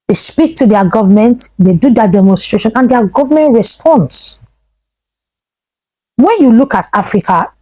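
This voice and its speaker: Ghanaian woman, vlog commentary, emphatic and insistent, fairly high voice, mellow tone, dry close sound. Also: dry recording, rough recording. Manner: emphatic, repeats phrases for stress. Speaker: vlogger. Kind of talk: opinion commentary.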